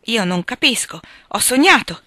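A woman's voice: medium pitch, normal speed, sharp tone, no echo. A woman reading aloud, voicing a feverish, delirious dying man who pleads and rails in agitation. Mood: startled, agitated.

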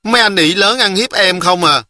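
A man voicing a touchy, excitable little village girl, shrill and pleading. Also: moderate pace, dry recording, studio quality. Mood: excited, sulky.

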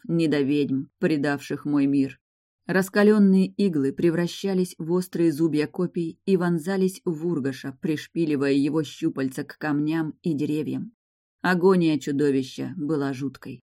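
A woman's voice: sits low, warm tone. A woman narrating a first-person fantasy novel with vivid, emotional storytelling. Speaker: audiobook narrator.

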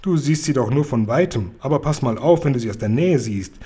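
A man's voice: medium pitch, lively intonation, brisk, warm tone, slightly rough. A man voicing a kind, big friendly male giant from a storybook, who talks in a folksy way and mangles his words. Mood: earnest. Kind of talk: bedtime story reading.

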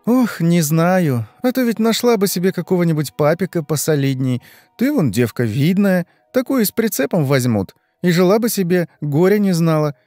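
A man's voice: high-pitched, very animated, mellow, no echo, faint music behind, pitched above the performer's own voice. Man doing a chirpy gossiping young woman. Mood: chattering. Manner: chirping, fast-flowing, fawning.

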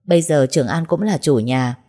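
A courteous middle-aged housemaid in an audio story, as a narrator puts her on, speaking in a low, mellow voice. She is deferential and careful with her words. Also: a little fast. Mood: polite. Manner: polite, deferential.

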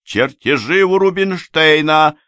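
A man voicing a commanding, impatient young woman agent who barks brisk orders. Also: mid-range voice, lively intonation, pushed and bright, no room sound.

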